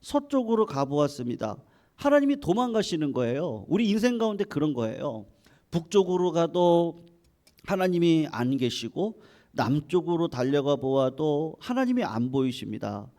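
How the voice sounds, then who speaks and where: A middle-aged male pastor delivering a fervent sermon with a higher-than-usual voice that swoops up and down with feeling. He leans hard into dramatic pleading, voicing old prayers to God in a church. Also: very animated, normal speed, a little mellow. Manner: preaching with rising fervor, acting out Job's pleas. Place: church sanctuary.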